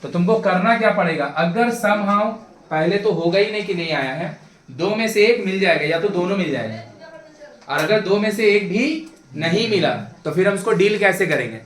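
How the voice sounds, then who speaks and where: A man's voice: high voice, lively intonation, moderate pace, a bit bright, recorded from a distance. A man teaching a geometry class, chatty and joking, talking to his students in a familiar way. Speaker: math tutor. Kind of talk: classroom lecture. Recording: echoey classroom, voice off-mic.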